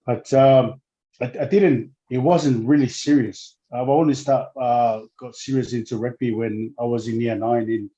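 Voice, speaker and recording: A man, talking slowly through his memories with lots of "uh"s and restarts. His voice is mellow and warm, and the audio sounds muffled and lo-fi. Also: mid-range voice, steady tone. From Samoa. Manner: hesitant, many fillers and restarts. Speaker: guest, former rugby player. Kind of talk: casual interview.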